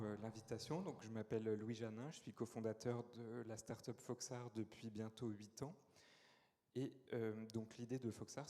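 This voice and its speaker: A man presenting his startup in a conference pitch, explaining steadily with frequent hesitations. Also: warm tone. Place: conference hall. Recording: long hall reverb.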